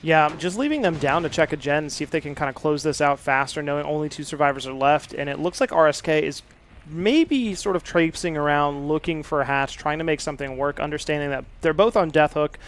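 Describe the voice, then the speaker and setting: A man giving steady play-by-play commentary on a video game match, with frequent fillers. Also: a little high, a little fast. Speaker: esports caster.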